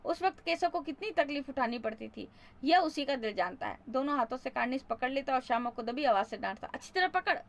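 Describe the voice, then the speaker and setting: A middle-aged woman teacher with a high voice reads a story to schoolchildren. She gives the characters' lines a lively read, then goes back over each passage in plain, simple words. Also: a little fast. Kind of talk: reading a story aloud and explaining it for school pupils.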